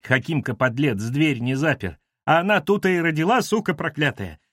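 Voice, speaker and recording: A man voicing a coarse, bossy older woman who manages a building and screeches and scolds in a tearful high voice. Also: moderate pace, a bit bright, no room sound, clean studio sound. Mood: tearful scolding.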